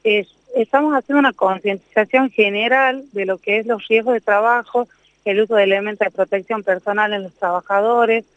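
Woman inspector, smooth high voice, stumbles a bit, muffled dry audio. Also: steady tone, a little fast, no echo. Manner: hesitant, trailing restarts. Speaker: safety inspector. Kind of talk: interview answers. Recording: dull muffled sound.

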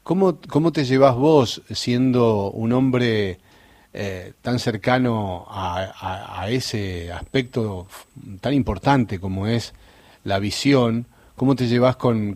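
Musing Argentine interviewer, dry sound. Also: male voice, on the low side, darkish tone, dry recording. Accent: Argentine Spanish. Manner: slow, musing, thoughtful questions. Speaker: interviewer, mindfulness instructor. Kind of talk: reflective interview questions.

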